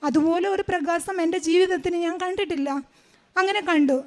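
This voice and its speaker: A woman tells her own story as a testimony. Her voice sits very high, and she speaks plainly, pausing and restarting her words as she goes. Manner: plain, halting storytelling with self-corrections. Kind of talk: personal testimony.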